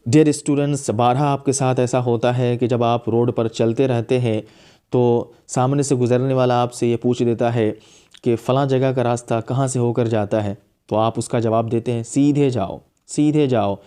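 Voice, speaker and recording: Mellow-voiced man teaching English phrases. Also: mid-range voice, smooth. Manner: repeats each English phrase slowly several times. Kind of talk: spoken English lesson.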